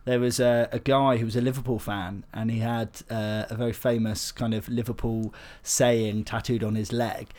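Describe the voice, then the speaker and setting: A man's voice: medium pitch, level tone, normal speed, few pauses, darkish tone. A young man co-hosting a podcast, chatty and teasing in casual talk. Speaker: podcast co-host. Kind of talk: casual chat.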